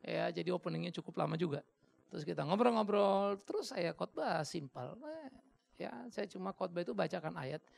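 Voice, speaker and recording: A middle-aged man preaching a lively sermon, teasing and questioning the congregation as he tells a story. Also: high voice, normal speed, gravelly. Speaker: pastor.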